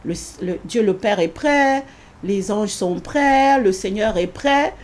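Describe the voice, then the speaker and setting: A woman giving an earnest spoken religious testimony in an interview, repeating phrases often and pausing with hesitations. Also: lively intonation. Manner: earnest, repetitive, with many hesitations; rises sharply in pitch when quoting her own pleas.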